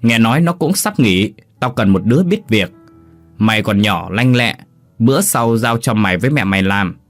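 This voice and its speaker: A man's voice: lowish voice, animated, moderate pace, faint music behind, close to an everyday voice. A man voicing a bossy rich landlord who talks in a curt, commanding way.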